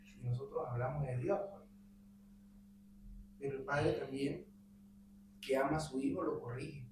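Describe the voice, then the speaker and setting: A man's voice: medium pitch, steady tone, measured pace. A man in a Bible study talks animatedly about raising his son, acting out their exchanges. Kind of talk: conversational testimony. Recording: roomy, distant mic with faint hum.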